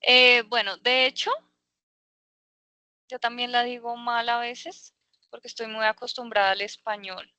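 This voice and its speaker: Lady teaching english over a video call, talks slow, bright tone. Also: on the high side, little pitch movement, smooth, dry recording, muffled recording. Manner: patient, explains slowly with many fillers. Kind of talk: online class.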